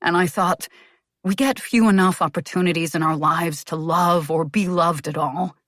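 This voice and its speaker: A woman voicing a calm, tender male suitor who murmurs softly. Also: lowish voice, moderate pace, no room sound, clean studio sound, lightly acted. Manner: soft, murmuring. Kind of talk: audiobook character voice.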